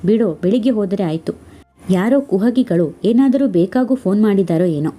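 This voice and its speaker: A woman's voice: mid-range voice, animated, brisk, dark tone, lightly acted. A woman voicing an anxious older mother who talks in a fretful, complaining way in a read-aloud story. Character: anxious old mother, grieving.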